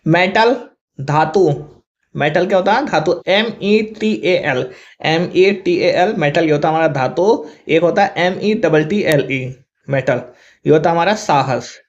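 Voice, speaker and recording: A male teacher with a Hindi accent explains confused English words to students, spelling them out letter by letter. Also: fairly high pitch. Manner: spells words out letter by letter, often says 'thik hai'. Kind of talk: vocabulary lesson to students. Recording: dull lo-fi recording.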